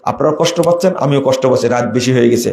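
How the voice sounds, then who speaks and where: A man preaching an impassioned sermon, often shouting and scolding his listeners. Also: medium pitch, racing, creaky, roomy sound, slight background noise. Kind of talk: fiery sermon.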